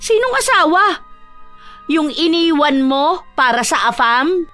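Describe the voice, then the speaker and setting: A woman's voice: mid-range voice, lively intonation, normal speed, faint music behind, close to an everyday voice. A woman voicing a blunt, fiery aunt. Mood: furious. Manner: street-talking, sharp-tongued, shouts in anger. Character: blunt, fiery middle-aged aunt, protective. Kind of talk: Tagalog audio drama acting.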